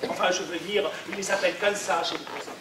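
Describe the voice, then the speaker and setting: A high-pitched man speaks fast with fairly even intonation, playing a flustered, bossy businessman in an amateur stage comedy who stammers out orders. A distant room mic catches the echoey theatre stage, with the audience and background noise audible.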